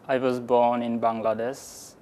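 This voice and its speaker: Measured monotone man from Sri Lanka. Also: mid-range voice. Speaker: Buddhist monk, graduate student. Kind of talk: recorded student testimonial.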